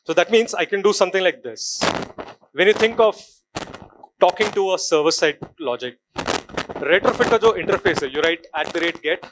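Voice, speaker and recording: A man's voice: high-pitched, a little fast, noisy background. A man with an Indian English accent giving a live technical conference talk, quizzing the audience and slipping into Hindi. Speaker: conference speaker. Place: conference hall stage.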